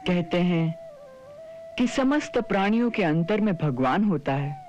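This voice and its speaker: Gentle wise young god talking to his mom, slow calm words, muffled tv sound, soft music behind. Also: high-pitched. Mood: consoling. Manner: gentle, sermon-like counsel. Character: calm wise young divine son consoling his mother. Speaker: actor in a TV drama. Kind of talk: devotional TV drama acting.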